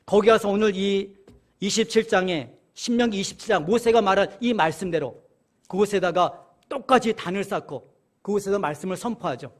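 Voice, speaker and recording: A man teaching a Bible study sermon. He keeps asking his listeners questions and answering them, and he reads scripture passages slowly and more loudly. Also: high voice. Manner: addresses listeners often, asks and answers questions.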